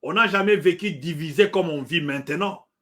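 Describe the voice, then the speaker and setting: A middle-aged Congolese man from the Democratic Republic of the Congo speaks French-accented political commentary with real passion. His voice is a little high and a bit bright, at a moderate pace. He is emphatic, circles back to repeat his points, and fills pauses with hesitant sounds.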